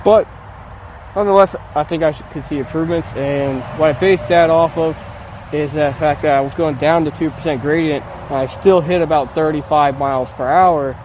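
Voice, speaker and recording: A man's voice: fairly high pitch, fairly even intonation, moderate pace, a little mellow, muffled recording, a little hiss or hum. A man in his thirties talking casually to a camera outdoors on a lawn, rambling in a plain-spoken way about a bike ride. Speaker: velomobile vlogger. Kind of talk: casual review talk to camera. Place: outdoors on a lawn beside a building.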